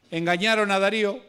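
A man preaches with a Guatemalan Spanish accent, his somewhat high voice smooth as he tells the story with local slang and humor. Quiet, slow reading gives way to louder, quicker bursts.

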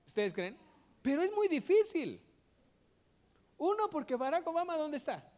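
A man's voice: very high voice, big pitch swings, normal speed, a little mellow. A man preaching in a conversational way, asking the audience rhetorical questions.

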